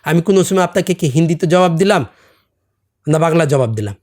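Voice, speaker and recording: A man's voice: fairly high pitch, lively intonation, brisk, a little mellow. A middle-aged man with a non-native Bengali accent and Hindi as his first language, a podcast guest talking casually and earnestly, often pressing his point with rhetorical questions. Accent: non-native Bengali, from a Hindi-speaking camp community. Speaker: podcast guest, salon owner. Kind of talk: casual chat.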